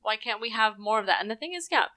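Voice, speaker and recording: A young woman born in Indonesia, talking casually in a podcast chat, animated, filling her sentences with "like" and swearing now and then. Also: a little high, fast talker, no room sound.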